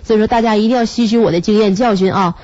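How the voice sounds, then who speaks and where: A woman's voice: medium pitch, rapid-fire. Stuffy-nosed Northeastern woman radio host. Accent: Northeastern Chinese. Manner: lively, teasing, laughs often. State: stuffy nose from a cold. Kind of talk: comic chatty monologue. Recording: muffled radio broadcast recording.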